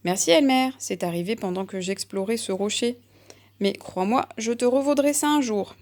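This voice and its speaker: A woman voicing a small, kind, loyal male butterfly in a storybook, speaking in a gentle, reassuring, higher voice. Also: normal speed, close to an everyday voice.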